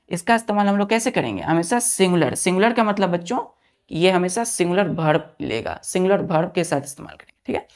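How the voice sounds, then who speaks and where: Man teaching grammar, spelling words aloud. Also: sits high. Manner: spells words letter by letter and repeats "okay" often; asks and answers own questions, addressing students as children. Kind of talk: classroom grammar lesson.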